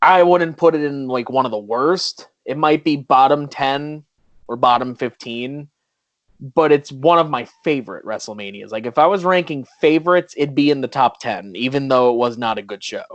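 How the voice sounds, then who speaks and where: A man's voice: mid-range voice, lively intonation, moderate pace, no echo. A man hosting a podcast in casual chat, joking around and laughing often. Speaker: podcast host. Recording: dull lo-fi audio.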